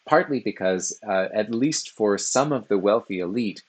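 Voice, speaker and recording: A man giving a recorded philosophy lecture, explaining at a measured pace with frequent "uh" fillers. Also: lowish voice, animated, husky.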